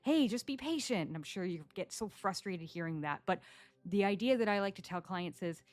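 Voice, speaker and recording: A woman in her forties hosting a casual solo podcast, chatty and animated, telling stories and acting out what her clients say. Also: on the low side, a little fast, dry recording. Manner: chatty, animated storytelling, acts out quoted clients. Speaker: psychic podcast host. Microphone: studio microphone.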